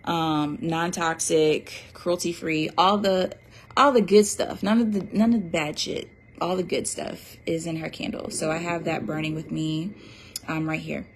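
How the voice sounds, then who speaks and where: A woman's voice: low-pitched, steady tone, unhurried, slight background noise. A woman chatting casually on a livestream, reading out viewer comments with many fillers and restarts. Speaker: livestream host selling an oracle deck.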